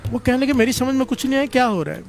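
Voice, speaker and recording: A man's voice: extremely high pitch, animated, rapid-fire, vocal fry. A man preaching a Sikh storytelling sermon, calling the congregation to answer back again and again. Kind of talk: storytelling sermon with call-and-response.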